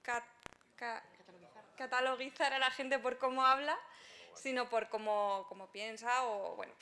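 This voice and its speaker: A woman columnist speaking as a panelist in a round-table debate, halting, with many restarts. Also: a little high, fairly even intonation, sharp tone.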